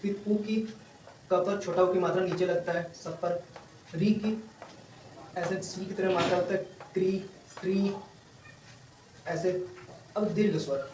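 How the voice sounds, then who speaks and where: Male tutor, high-pitched, sounding out letters slowly for students; echoey room. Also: fairly even intonation, a little mellow. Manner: slow, repeats definitions and sounds out letters one by one. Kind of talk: explaining a grammar lesson to students. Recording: roomy, distant mic, faint ambient noise.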